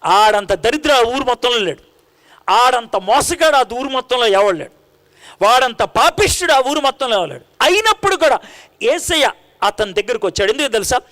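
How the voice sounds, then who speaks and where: A man's voice: very high-pitched, animated, brisk, pushed and bright. A man preaching a sermon, telling the story animatedly, acting out the dialogue and putting questions to his congregation.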